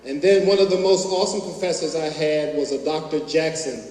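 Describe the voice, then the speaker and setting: A man's voice: on the high side, steady tone, a little fast. A middle-aged man, a doctor, giving a graduation speech with anecdotal, self-mocking humor. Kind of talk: ceremony speech, storytelling. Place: large hall. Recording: echoey hall from far off, faint hum.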